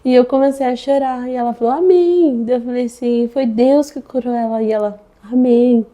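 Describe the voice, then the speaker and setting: A woman's voice: a little high, flat delivery, quick pace, mellow. A young woman with a Brazilian Portuguese accent, earnestly sharing a faith testimony about her baby's healing, often repeating her phrases. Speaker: mother giving a testimony.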